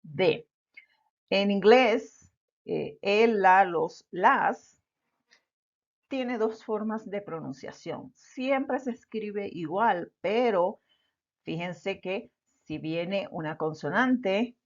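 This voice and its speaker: A woman's voice: mid-range voice, expressive, extremely slow. A woman teaching an English lesson patiently, repeating example words and checking in with "all right?". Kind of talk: slow explanatory lesson. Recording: dull lo-fi recording.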